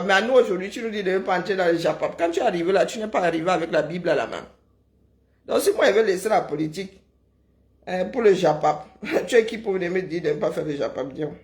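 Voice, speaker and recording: A middle-aged woman, chatting casually on a live stream and answering viewers in a teasing, sarcastic way, often tagging her sentences with "hein?". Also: lowish voice. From Kribi, Cameroon.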